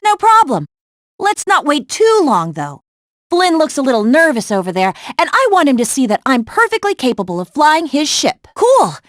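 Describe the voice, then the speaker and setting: Cali, high-pitched, spirited young adventurer. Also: female voice, no room sound, clean studio sound. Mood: eager, confident. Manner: peppy, expressive, conversational heroine delivery. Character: spirited, capable young adventurer woman, friendly mission guide. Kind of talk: animated video game voice acting.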